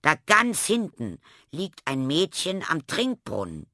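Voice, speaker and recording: A man's voice: on the high side, huge pitch swings, slow pace, bright, forceful tone, no room sound, studio quality, voice pushed up, full character voice. A man voicing a stern adult male class teacher in a children's storybook reading, firm in tone. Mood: astonished.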